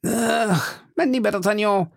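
A man's voice: high voice, a little slow, gravelly, no room sound, clean studio sound, pitched above the performer's own voice. A man voicing a hearty, boastful musketeer in an audiobook reading, with a swaggering manner. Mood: jovial. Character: boastful, hearty male musketeer, bedridden, jovial.

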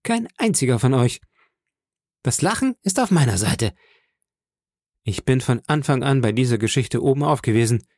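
A man's voice: medium pitch, lively intonation, normal speed, long pauses, a little mellow, dry recording, clean studio sound, close to an everyday voice. A man reading an audiobook, voicing a bold, defiant boy cabin hand who speaks steadily.

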